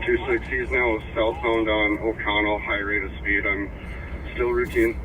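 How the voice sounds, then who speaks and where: A man's voice: on the low side, level tone, normal speed, a crowd in the background. A man, a police officer, talking over a car radio speaker in terse, clipped radio codes. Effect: police radio transmission heard through a car radio speaker. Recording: muffled radio feed over loud vehicle noise.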